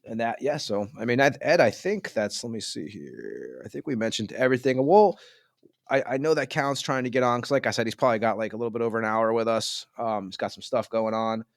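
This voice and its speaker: A man's voice: mid-range voice, animated, a little fast, vocal fry, no room sound. Casual male podcast host, dry close sound. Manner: informal, says "man" often. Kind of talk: casual podcast interview chat.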